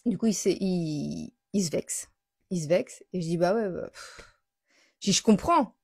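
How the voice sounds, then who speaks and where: A woman's voice: on the low side, unhurried, mellow, husky, no echo, studio quality. A woman hosting a live stream, telling a personal story in a casual, confiding way with many fillers and restarts. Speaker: host of a daily live stream.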